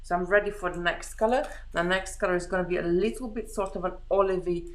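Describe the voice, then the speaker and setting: A middle-aged Hungarian woman talks fast in a low, steady voice on a live craft stream. She rambles casually and thinks aloud while working with her hands.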